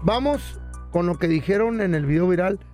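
A Mexican man with a high voice spins a story for his podcast, casual and animated, acting out what people said. Faint music sits beneath the talk. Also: moderate pace. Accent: Mexican Spanish. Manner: animated, acts out quotes. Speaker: podcast host.

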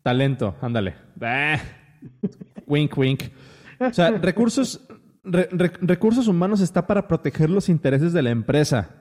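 A man's voice: fairly high pitch, very animated, normal speed, warm tone, big-room sound. A man with a Mexican accent hosting a casual podcast chat, rambling with many restarts and fillers. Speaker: podcast host.

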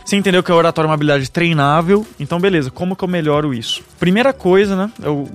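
A man's voice: a little high, very fast, faint music behind. A Brazilian man, a speaking coach, explaining with energy as a podcast guest. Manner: energetic, teaching, laughs often. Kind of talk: podcast conversation.

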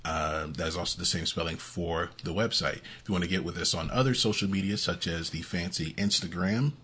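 A man's voice: deep voice, fairly quick, sharp tone, husky. A man co-hosting a casual music podcast, chatty and laughing often between points. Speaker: podcast co-host.

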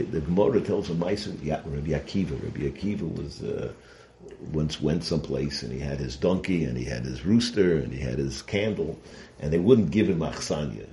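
A man teaching in an informal sermon style, conversational and halting, repeating phrases and checking in with rhetorical questions. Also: deep voice, darkish tone, slight background noise. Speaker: rabbi giving a Torah lesson. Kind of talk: informal sermon, Torah lecture.

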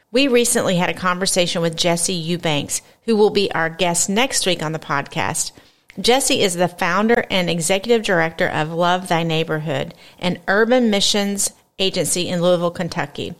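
Lady podcast cohost, kinda low voice, earnest and upbeat. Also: a bit bright. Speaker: podcast co-host. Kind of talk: scripted podcast talk.

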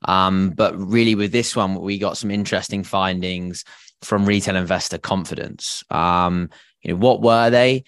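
A man with a deep voice co-hosts a financial podcast, talking conversationally. The sound is close and dry. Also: steady tone, moderate pace, smooth, dry recording. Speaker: podcast co-host.

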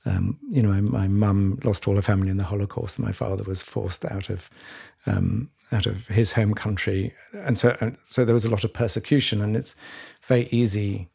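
A man co-hosting a podcast, talking reflectively in a halting, searching way with many restarts. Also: lowish voice, steady tone, gravelly, darkish tone, slightly rough. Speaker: podcast co-host. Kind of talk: reflective conversation.

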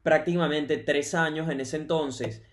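A man's voice: fairly high pitch, steady tone, measured pace. A man hosting a podcast, talking in an encouraging, emphatic way with repeated phrases. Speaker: podcast host. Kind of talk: casual podcast conversation.

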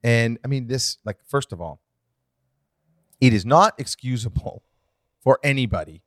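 A man co-hosting a casual podcast chat, explaining current events in an animated, swinging way. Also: mid-range voice, normal speed, no echo, studio quality. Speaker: podcast co-host.

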